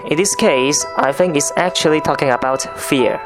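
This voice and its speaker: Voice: mid-range voice, normal speed. Scripted film review narrator over music. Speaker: video essay narrator.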